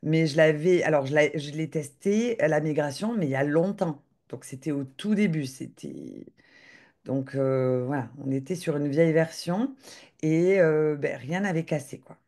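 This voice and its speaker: Hesitant woman with a mellow voice. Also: low-pitched, lively intonation, moderate pace. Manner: hesitant, many filler sounds and restarts. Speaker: web designer giving a live software demo. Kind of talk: live screen-share demo over a video call.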